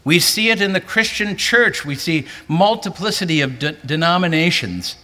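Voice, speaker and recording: Preaching to a convention in a large hall, a male pastor delivers an earnest sermon at normal speed, his voice expressive, bright and forceful. He lifts his pitch for emphasis, and the hall adds reverb.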